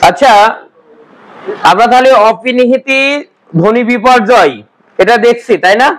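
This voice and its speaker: Young male teacher, high voice, lectures and keeps quizzing the class. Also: measured pace, a bit bright, rough recording. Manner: quizzing students with repeated questions. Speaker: Bengali grammar teacher.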